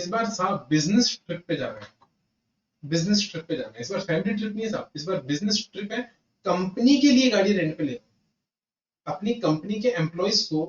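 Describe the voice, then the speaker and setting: An Indian man giving a classroom lecture to students, repeating each point and talking to them directly in an animated way. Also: a little high. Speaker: GST lecturer. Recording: echoey room, distant muffled mic.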